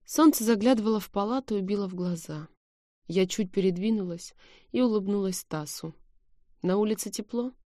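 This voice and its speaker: Woman reading an audiobook, calm measured voice, middle pitch, dry. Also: dry recording. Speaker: audiobook narrator. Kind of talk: first-person audiobook narration.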